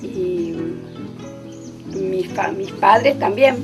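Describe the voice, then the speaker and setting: A woman's voice: medium pitch, very slow, creaky, loud music behind the voice. A woman from Santa Fe, Argentina, a local resident speaking firmly in a documentary interview.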